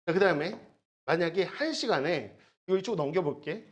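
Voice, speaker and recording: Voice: mid-range voice, lively intonation, brisk, dull audio. Math teacher in a recorded lesson, voice jumps all over, chatty, keeps asking if you get it. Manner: chatty, repeats key words, jokey asides; asks learners to check understanding. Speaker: math lecturer. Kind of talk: recorded online lecture.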